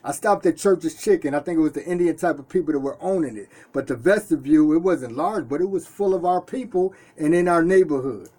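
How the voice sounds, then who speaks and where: His voice is high-ish and mellow, and he talks a little fast with hardly any pauses. He's a Detroit store owner speaking earnestly and casually to a self-filmed camera in his shop, often repeating and restarting what he says.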